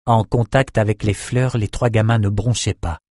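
A man reads an audiobook aloud in a steady, measured way. His pitch is fairly low, and the studio-quality recording has no room sound.

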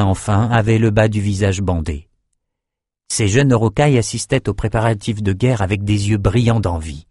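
Low-voiced, measured male narrator. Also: a little mellow, dry recording, studio quality. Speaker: audiobook narrator. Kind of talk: scripted narration.

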